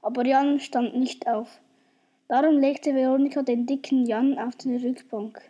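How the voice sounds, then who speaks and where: Lady narrating a home radio play, chatty, high mellow voice. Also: measured pace. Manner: lively, chatty, addresses the listeners.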